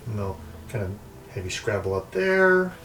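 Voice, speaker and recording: A man's voice: fairly low pitch, big pitch swings, normal speed, fairly bright tone, slight background noise, rough recording. A man narrating as game master in a tabletop game, describing scenes loosely with many fillers. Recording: mic set back, faint music.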